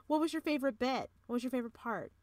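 A woman's voice: high-pitched, lively intonation, a crowd in the background. A young woman co-hosting a casual podcast, chatty and playful, who laughs easily. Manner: chatty, giggly, gets loud and playful when rushed. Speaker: podcast co-host. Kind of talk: casual book-club chat.

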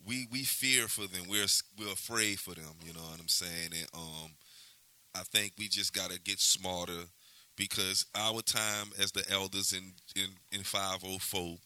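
A man's voice: deep voice, fairly even intonation, normal speed, pushed and bright. A man, a podcast guest talking earnestly and folksily in casual chat. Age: 40s. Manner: earnest, folksy, repeats "you know what I'm saying".

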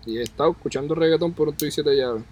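A man's voice: a little high, fast talker, a little mellow, slight background noise, poor audio. A young man with a Puerto Rican accent, co-hosting a casual podcast chat, slangy and joking, stretching his words. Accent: Puerto Rican Spanish. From Puerto Rico. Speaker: podcast co-host. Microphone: remote call mic.

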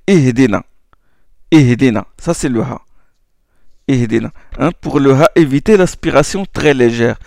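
Man, pronunciation teacher, slow and patient, gravelly voice, repeats sounds, dry sound. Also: fairly high pitch, no room sound. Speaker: Quran recitation teacher. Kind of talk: spoken lesson on pronunciation.

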